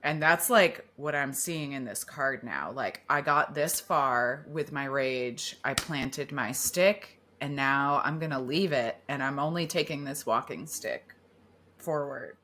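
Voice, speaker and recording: A woman with a low voice hosts a relaxed podcast conversation. She talks candidly and expressively and swears freely. A faint hiss sits under her voice. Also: unhurried, hardly any pauses. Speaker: podcast host. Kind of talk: casual podcast chat.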